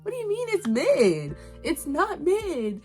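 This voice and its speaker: A young woman with a very high-pitched voice reviews an animated series for her YouTube channel, speaking slowly. Her commentary is animated and slangy, with phrases repeated for emphasis, set against background music.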